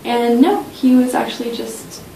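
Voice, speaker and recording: With a creaky, warm voice and a measured pace, a young woman recalls her study abroad experiences in a casual interview. The setting is a small office meeting room indoors, and the distant-mic recording sounds roomy, with a faint low rumble.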